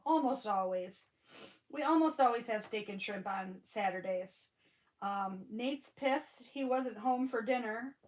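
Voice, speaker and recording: Her fairly high voice comes a little slowly through poor audio. This woman in her forties, who has a Michigan accent and a stuffy nose, hosts a crafting livestream, chatting loosely, welcoming viewers by name, and often using fillers or starting over.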